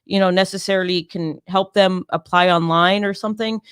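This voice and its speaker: A woman's voice: lowish voice, fairly even intonation, brisk, fairly bright tone, smooth, no room sound, studio quality. A woman, co-hosting an insurance talk show in an upbeat, explanatory manner. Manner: upbeat, explanatory, many "mm-hmm"s. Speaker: co-host, insurance agent. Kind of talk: casual chat.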